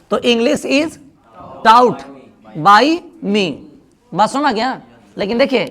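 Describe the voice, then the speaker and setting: A man's voice: very high voice, a bit bright. A man from India with a Bihari Hindi accent, teaching an English grammar lesson in a classroom style, asking the class questions and then answering them himself.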